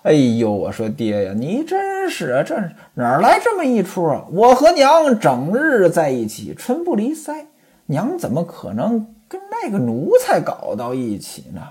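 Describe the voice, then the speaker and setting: Brief: woman doing a coquettish young maid, coy and chiding, husky, mellow. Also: lowish voice, wildly swooping pitch, a little slow, full character voice. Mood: coaxing. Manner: coy, coaxing, reproachful. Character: coquettish young maid coaxing her master.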